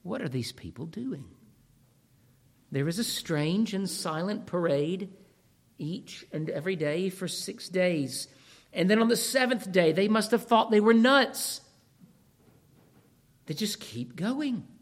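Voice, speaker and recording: This male preacher, voice fairly high, is animated but slow, leaving long pauses as he lingers on each phrase of his sermon. He's losing his voice, which is wearing out, and repeatedly throws rhetorical questions at the congregation.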